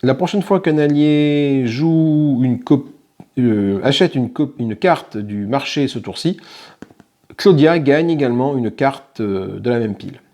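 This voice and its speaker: Man, gravelly voice, board game host, casual explaining, thinks aloud. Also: mid-range voice, measured pace, warm tone. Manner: casual and chatty, thinking aloud with small self-corrections. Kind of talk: explaining a solo tabletop game playthrough.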